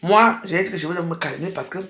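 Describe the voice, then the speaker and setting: A woman in her fifties from Cameroon, delivering a scolding, accusatory rant to camera that swings between shouting and quiet muttering. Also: on the low side, fast. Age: 50s. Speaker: social media vlogger. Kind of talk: angry personal rant to camera. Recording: echoey room.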